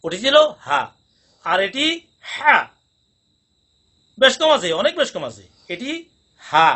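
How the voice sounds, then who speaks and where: High, lively-voiced male recitation teacher. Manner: drills sounds slowly with repetition, coaxing. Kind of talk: recorded lesson teaching pronunciation.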